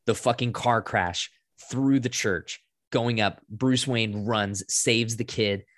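A man co-hosting a podcast, excitedly retelling a movie scene by scene in run-on sentences, swearing freely. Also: fairly low pitch, no room sound, studio quality. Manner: excited, profane scene-by-scene recap; breathless run-on storytelling. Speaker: podcast co-host. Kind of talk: casual movie review chat.

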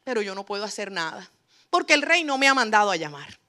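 A woman's voice: mid-range voice, very animated, quick pace, bright, forceful tone. Woman voicing a hesitant young queen making excuses.

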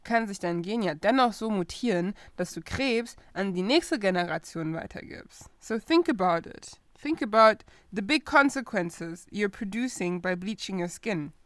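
A young woman co-hosting a relaxed conversation, animated and quick to laugh. She drops English phrases into her talk now and then. The recording is dry and close, with no room sound. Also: medium pitch, no room sound. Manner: lively, mixes English phrases into German, laughs often. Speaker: podcast co-host. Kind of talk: casual chat.

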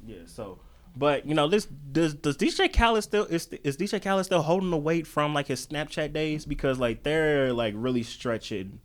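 A man's voice: on the high side, animated, moderate pace. A man hosting a casual podcast chat about the music business, talking loosely with plenty of slang and fillers. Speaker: podcast host.

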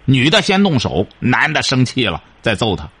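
A man's voice: mid-range voice, wildly swooping pitch, moderate pace, bright, forceful tone, slightly rough. A man hosting a radio advice show, lecturing a caller in an emphatic, repetitive way.

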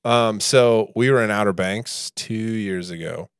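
Low-voiced man telling a rambling story. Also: measured pace, clear, resonant tone, no echo, studio quality. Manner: relaxed, chuckling, rambling anecdotes. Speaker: podcast co-host. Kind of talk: casual podcast storytelling.

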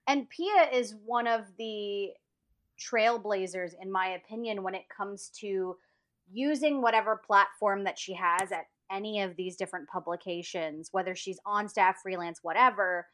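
A woman's voice: medium pitch, normal speed, a bit bright. A woman co-hosting a podcast, chatting casually and enthusiastically about a guest's work. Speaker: podcast co-host. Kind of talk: casual chat.

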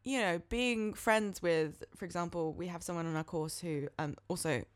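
A young British woman chatting casually as a podcast co-host, with an animated, talkative manner. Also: lowish voice, normal speed. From United Kingdom. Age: young adult. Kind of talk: casual chat.

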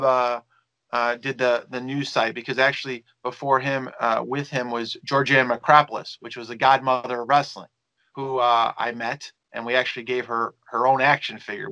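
A man's voice: medium pitch, bright, forceful tone, no room sound, low-quality recording. A man who works as a wrestling promoter and manager, telling stories in a rambling interview with many fillers and restarts. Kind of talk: casual storytelling interview.

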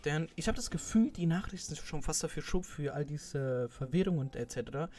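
A man's voice: on the high side, fairly quick, warm tone, slight background noise. Rambling young man in casual chat. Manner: rambling, many fillers and restarts.

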